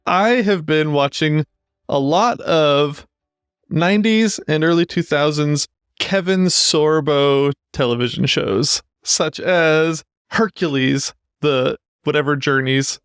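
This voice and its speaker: A man's voice: a little high, slow, fairly bright tone, clear, resonant tone, dry recording, clean studio sound. A man co-hosting a podcast, chatting in a playful, rambling way and laughing often. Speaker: podcast co-host. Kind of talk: casual podcast chat.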